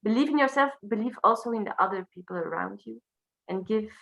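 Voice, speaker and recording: A Brussels-born singer and teacher, a native French speaker with a Belgian French accent, talks casually as an interview guest, struggling for words in halting English. Her voice is mid-range, creaky, and fairly bright, and the recording is rough.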